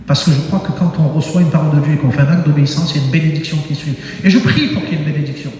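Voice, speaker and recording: A man preaching a sermon in a church, animated and emphatic, often exclaiming and breaking into laughter. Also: a little high, very fast. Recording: very echoey church hall with long reverb.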